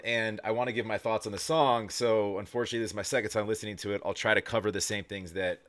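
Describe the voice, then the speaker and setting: A man's voice: lowish voice, a bit bright. A man talks through a reaction video in loose, rambling sentences. He trips over restarts, leans on fillers and swears offhandedly as he goes. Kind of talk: casual reaction commentary.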